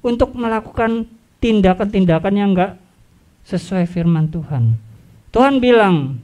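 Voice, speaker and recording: A pastor delivers a sermon at an unhurried, measured pace in a mid-range voice. The delivery is animated, leaning on rhetorical questions and repeated emphatic warnings to the congregation. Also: medium pitch.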